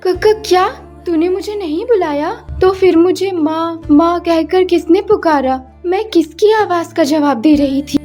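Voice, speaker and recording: A woman's voice: very high-pitched, a little slow, hardly any pauses, mellow, faint music behind. A woman voicing a loving, worried middle-aged mother in a cartoon story, speaking in a soothing, tender way.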